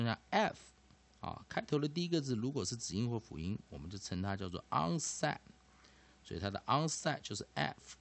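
A man teaching a vocabulary and pronunciation lesson, explaining slowly and deliberately. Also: mid-range voice.

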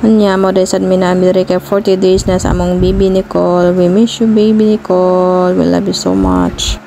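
A chatty woman in her thirties with a Cebuano accent, filming a family vlog on a phone held at arm's length. Her low voice has a gravelly edge, and she laughs easily. A lot of loud outdoor noise from a seaside barbecue spot at night sits under her voice. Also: flat delivery, moderate pace. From Philippines. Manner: chatty, laughs often, mixes English phrases. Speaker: family vlogger. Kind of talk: casual vlog narration.

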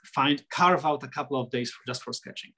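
Fairly quick and medium-pitched, this middle-aged man's voice is pushed, bright and slightly rough, with a Polish accent reflecting his roots in Poland. An architect and sketcher, he's interviewed over a video call, frequently restarting and filling pauses. He talks from a small room at home hung with framed pictures, through his laptop webcam.

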